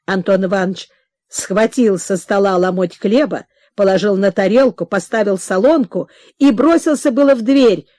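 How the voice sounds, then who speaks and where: A woman narrating a classic novel in an expressive, dramatic audiobook reading. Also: mid-range voice, moderate pace, no room sound, studio quality.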